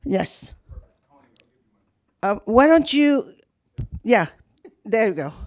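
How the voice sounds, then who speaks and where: Animated older woman, talkative, dry sound. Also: a little high, very slow, no room sound. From Hong Kong, grew up in Indonesia. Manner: animated, talkative, frequent laughs. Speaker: nonprofit youth program leader. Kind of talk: speaking at a public city meeting.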